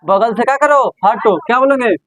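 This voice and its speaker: A man's voice: extremely high pitch, a little fast, no room sound, rough recording. A man teaching an English class in a classroom, drilling phrases over and over and putting questions to his students. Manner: repetitive call-and-response drilling, asks the class questions. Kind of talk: classroom lesson.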